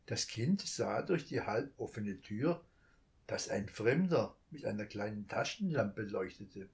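Male narrator for a storybook: slow, calm, measured read. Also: on the low side, vocal fry.

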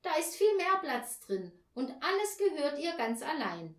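A woman voicing a bright, bossy young girl in a storybook reading, high and chirpy, recorded in an echoey room. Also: very animated, unhurried. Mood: chatty.

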